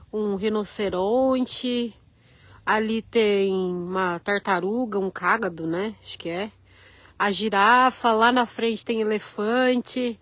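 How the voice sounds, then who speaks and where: This Rio-born vlogger, speaking with a Carioca Brazilian Portuguese accent, live-streams from a snow-covered RV park, strolling as she reads comments and greets viewers by name. She is cold and her hands are chilled. Her mid-range voice comes through a dry, low-quality recording.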